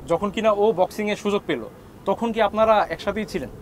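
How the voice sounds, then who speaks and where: Guy hosting sports tv, talks fast, kinda high voice, faint noise. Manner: quick questions with hesitation fillers. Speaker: TV sports host. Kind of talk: interview questions.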